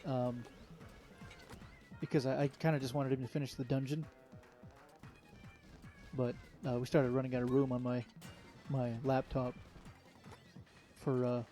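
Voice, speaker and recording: A young man talks casually over his own gameplay, rambling and easygoing, often trailing off and starting over. His voice is mellow and soft-edged, and faint music plays underneath. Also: mid-range voice, steady tone, moderate pace, long pauses. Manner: rambling, easygoing, many fillers and restarts. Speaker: let's play commentator. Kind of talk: casual solo gameplay commentary.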